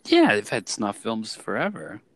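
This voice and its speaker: A man's voice: lowish voice, wildly swooping pitch, measured pace, fairly bright tone. A man in casual chat, rambling and swearing, often trailing off mid-sentence.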